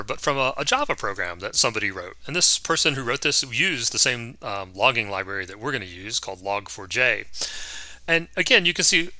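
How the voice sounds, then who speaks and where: A man giving a recorded course lecture in a relaxed, conversational way, with frequent ums and restarts. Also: mid-range voice, no room sound. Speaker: course instructor.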